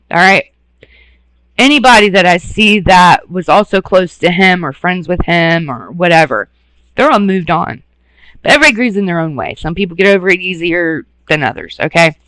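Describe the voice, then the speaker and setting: A man with a high, bright, forceful voice talks bluntly and with raw passion. He swears freely and sounds close to tears. The recording is dry and close. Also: clean tone, no room sound, rough recording. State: near tears. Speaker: radio host. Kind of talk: emotional monologue.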